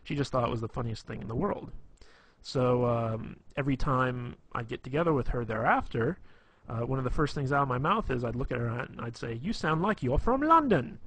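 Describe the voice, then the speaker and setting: A man's voice: mid-range voice, a little fast, husky, dry recording. A man explaining how to be funny with girls in a loose, rambling tutorial, full of fillers and restarts. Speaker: dating advice instructor. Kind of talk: casual tutorial talk.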